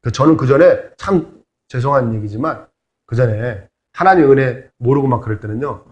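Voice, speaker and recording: A man's voice: mid-range voice, animated, moderate pace, darkish tone, lo-fi sound. A middle-aged man preaching as a pastor, in a conversational sermon with humorous asides. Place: church sanctuary. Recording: echoey church hall.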